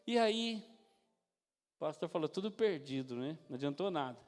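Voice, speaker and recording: A man's voice: fairly high pitch, moderate pace. A man with a Brazilian Portuguese accent, preaching a storytelling sermon in a church and then leading a prayer. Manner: lively storyteller who acts out voices. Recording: long reverb of a church hall.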